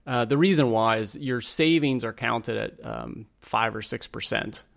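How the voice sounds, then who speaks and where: A man's voice: mid-range voice, a little slow, creaky, a bit bright. A man explaining personal finance conversationally as a podcast host, informal and plain-spoken. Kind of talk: scripted outro and disclaimer read.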